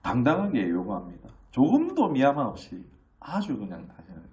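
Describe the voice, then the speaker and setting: A middle-aged man preaching a sermon as pastor, conversational and animated, often asking the congregation questions and acting out voices. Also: mid-range voice, normal speed, distant mic. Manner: animated, acts out children's voices in quotes.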